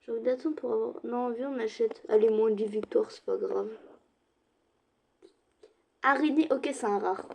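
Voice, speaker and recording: A young woman chatting casually to her viewers while playing an online game, with quiet murmured asides. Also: fairly high pitch, moderate pace, vocal fry, pauses often, background noise. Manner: chatty, addresses viewers directly, slips into soft asides. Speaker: gaming streamer. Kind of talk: casual let's-play commentary.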